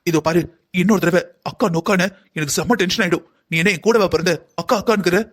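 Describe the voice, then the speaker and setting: A voice actor playing an agitated elder sister in a cartoon, scolding and confronting. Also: female voice, lowish voice, fast, close to an everyday voice. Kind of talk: cartoon voice acting.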